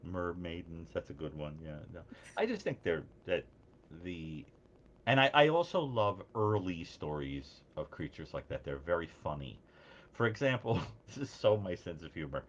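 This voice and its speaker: A man co-hosting a casual call-in show, telling animated stories and laughing at his own jokes. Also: low-pitched, normal speed, muffled recording. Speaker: podcast co-host.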